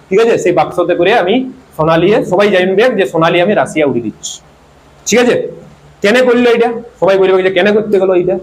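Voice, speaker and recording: High-voiced man teaching history. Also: darkish tone, slight background noise, low-quality recording. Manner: asks questions and answers them himself, repeats key words. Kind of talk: informal history lesson to students.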